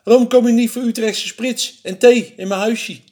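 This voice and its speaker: A man voicing a hungry, sly owl in a storybook reading, sweet-talking in a lively way. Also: extremely high pitch, normal speed, pitched above the performer's own voice.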